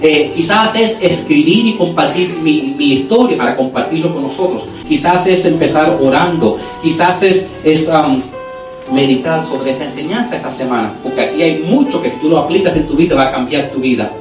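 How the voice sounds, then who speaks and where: A pastor preaching a sermon in church, earnest and turning lively when he tells a story, with English words dropped in. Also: a little high, moderate pace, recorded from a distance. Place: church sanctuary. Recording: echoey church hall, voice from afar, music under it.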